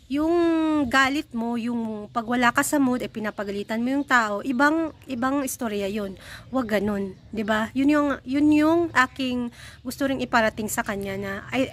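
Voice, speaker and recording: A woman's voice: on the high side, fairly bright tone, slight background noise. Chatty woman vlogger, laughing asides. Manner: chatty storytelling, frequent laughs, addresses viewers as guys. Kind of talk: casual chat to viewers. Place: home in Nepal.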